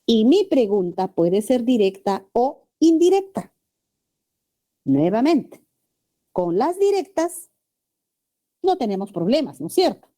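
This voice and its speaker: A woman's voice: on the high side, very animated, takes it slowly, pauses often, mellow. A woman teacher with a Peruvian Spanish accent, giving a classroom lecture and checking in with her students often. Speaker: language teacher.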